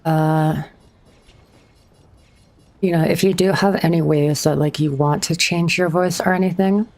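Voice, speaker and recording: Low-voiced woman streamer chatting casually. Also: fairly even intonation, measured pace, a little mellow. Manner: chatty, a bit awkward, reads and answers chat. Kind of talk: casual livestream chat.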